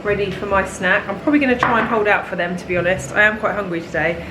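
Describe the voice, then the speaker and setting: A woman's voice: mid-range voice, quick pace, roomy sound, noisy background. A British woman in her thirties chatting candidly in a casual food vlog from her home kitchen, laughing easily as she talks. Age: 30s. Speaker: diet plan consultant and vlogger.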